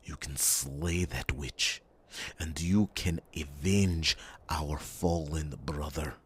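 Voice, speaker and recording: A man plays a solemn, determined warrior for an ASMR fantasy roleplay, his delivery heavily acted and deliberate, broken by dramatic pauses. The voice is a gravelly, breathy rumble, and the mood is intense and pleading.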